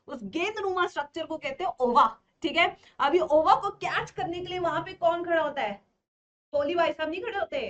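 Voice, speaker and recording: A woman's voice: high voice, fairly bright tone. A young adult woman giving a playful online biology lesson for exam prep, asking her students questions and answering them herself. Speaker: biology teacher. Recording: dull lo-fi stream audio.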